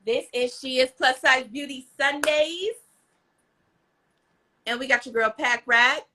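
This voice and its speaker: American woman host, somewhat high bright voice, slangy and effusive in casual conversation. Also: slow pace. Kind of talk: casual live interview chat.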